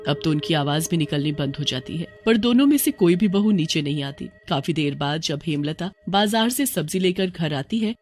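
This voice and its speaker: A storyteller reading a cartoon story in an even, scripted way. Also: mid-range voice, normal speed, hardly any pauses, faint music behind.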